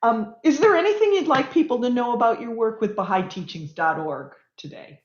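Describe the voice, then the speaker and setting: Halting woman host in an echoey room. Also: on the high side, lively intonation. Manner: halting, emotional, quick to laugh. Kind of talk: interview questions. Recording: echoey muffled call audio.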